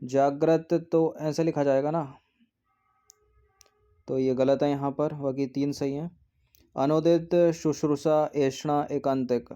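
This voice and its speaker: A man walks through a practice test, repeating each word as he checks the answer. His voice sits a little high and sounds mellow and relaxed. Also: slow, pauses often. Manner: explanatory, repeats words while checking answers. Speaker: exam prep teacher. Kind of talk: exam test walkthrough.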